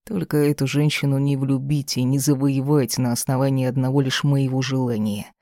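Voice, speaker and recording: Male audiobook reader, mellow and steady, close and dry. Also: medium pitch, moderate pace, no room sound. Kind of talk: first-person romance narration.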